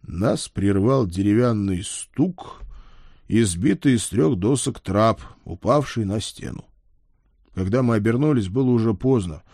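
A man narrates a comic audiobook in first person. His voice is low and mellow, with a wry, lively delivery. The recording is dry and close. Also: measured pace, no echo.

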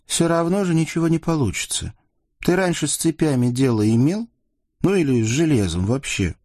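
A man voicing a teasing, sharp-tongued teenage Cossack girl in a storybook reading, with a husky voice. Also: on the high side, lively intonation, no echo, studio quality, pitched above the performer's own voice. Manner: mocking, quick retorts.

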